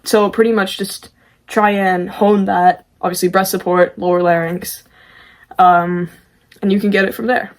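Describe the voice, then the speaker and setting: A woman's voice: mid-range voice, little pitch movement, measured pace. A woman presenting a tutorial casually, with an informal, self-deprecating way of talking. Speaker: amateur vocalist presenting a tutorial.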